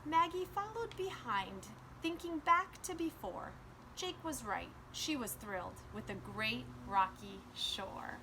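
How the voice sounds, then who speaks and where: Slow and sing-song, with a fairly high pitch, a preschool teacher reads aloud and gives young children a simple, instructive lesson. Noise fills the background as she speaks.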